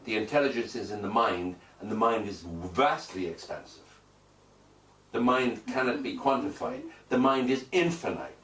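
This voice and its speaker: His voice is on the lower side, animated and a bit bright, at a moderate pace. The man, a hypnotherapist, responds to interview questions declaratively and with emphasis, repeating phrases to drive points home, captured by a distant mic in an echoey room with faint noise.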